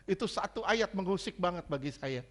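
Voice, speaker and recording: A man preaching a sermon as pastor, joking and animated. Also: high-pitched, moderate pace.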